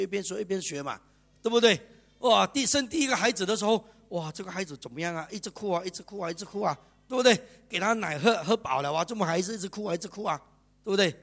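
A male pastor, giving a lively, chatty sermon and keeping the congregation engaged with constant rhetorical questions. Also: high voice. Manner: lively, chatty preaching with bursts of laughter. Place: church service.

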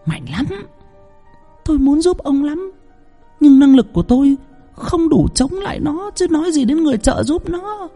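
A man voicing a female spirit medium in a trance, who prophesies doom in a shrill, harsh voice for a horror story. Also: sing-song, moderate pace, faint music behind, exaggerated voice. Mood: menacing. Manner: prophesying doom in shouts and cackles.

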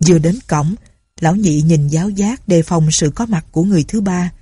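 Low, mellow woman narrating. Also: fairly quick, husky, no echo, studio quality. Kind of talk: storybook narration.

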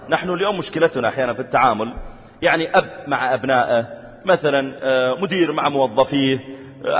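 A male preacher giving a sermon, chanting verses slowly and explaining them with lively acted-out dialogue. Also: on the high side. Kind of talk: sermon with Quranic recitation. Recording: dull sound with long hall reverb.

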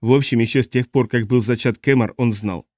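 A man reading the part of a steady older man who consoles the others in a low, calm voice. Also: fairly quick, no room sound, clean studio sound, natural voice. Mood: consoling.

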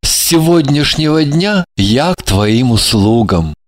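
An earnest, dignified man, as a man acts him, speaking slowly in a plain middle voice. He sounds gentle and devoted, with a dry, close sound, like a figure in a read-aloud story. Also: medium pitch, expressive, dry recording. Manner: earnest, measured.

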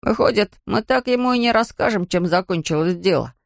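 A woman voicing a lively young schoolboy in a storybook, excited and chatty. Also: mid-range voice, brisk, gravelly, no echo, studio quality.

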